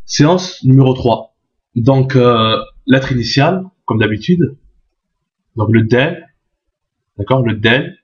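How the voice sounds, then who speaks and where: A man's voice: medium pitch, slow pace, pauses often. A man teaching an Arabic reading lesson, patient and repetitive, checking often that the learners follow. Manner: patient, repeats each point, checks with "d'accord?". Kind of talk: step-by-step language lesson. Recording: dull lo-fi sound.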